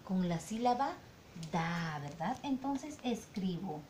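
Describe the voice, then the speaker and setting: A woman's voice: expressive, darkish tone. Sing-song woman teaching little children. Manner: slow, sing-song, drawn-out syllables with constant checks. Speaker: kindergarten teacher. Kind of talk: virtual preschool phonics lesson. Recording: echoey room, faint rumble.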